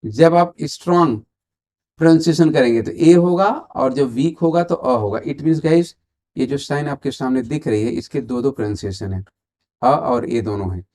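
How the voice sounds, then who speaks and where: With a mid-range, darkish voice at a normal speed, an Indian-accented man teaches English grammar online for exam prep. He switches between Hindi and English and quizzes his viewers, waiting on their replies.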